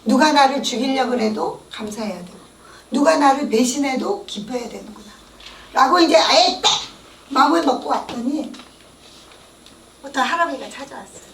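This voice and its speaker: A middle-aged woman giving a church testimony, telling her story in a lively way and acting out the voices of the people she quotes. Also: sits high, moderate pace, pauses often, slight background noise. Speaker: testimony speaker. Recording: echoey hall, mic at a distance.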